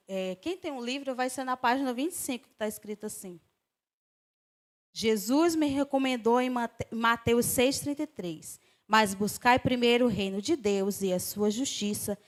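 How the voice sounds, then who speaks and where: A woman from Brazil preaching a sermon, telling a personal story with emphatic swings in her voice. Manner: emphatic, storytelling, voice swings high and loud on exclamations. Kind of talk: sermon with testimony.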